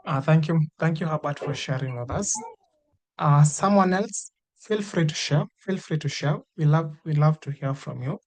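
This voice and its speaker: The host of an online course meeting, heard through a video call microphone, has a slightly high, somewhat mellow voice at normal speed. He keeps urging participants to introduce themselves, offering repeated encouragement peppered with fillers.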